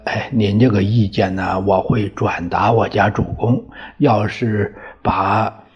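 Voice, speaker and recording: A man's voice: on the low side, steady tone, takes it slowly, breathy edge, full character voice. A man doing a polite placating envoy. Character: courteous, conciliatory male envoy bargaining for peace. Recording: dull lo-fi recording.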